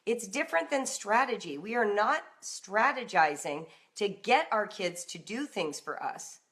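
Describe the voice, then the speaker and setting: A middle-aged American woman, host of a live broadcast on parenting and homeschooling, coaches parents informally, speaking directly and emphatically as though in dialogue with them. Her medium-pitched voice is animated, measured in pace and a bit bright.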